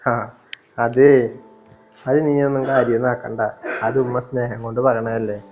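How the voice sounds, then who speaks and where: A man's voice: mid-range voice, close to an everyday voice, rough recording. A young man playing a hurt, patient stepson in an amateur family short film. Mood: gentle. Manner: hurt, pleading, quick and flat. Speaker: elder stepson in a family skit.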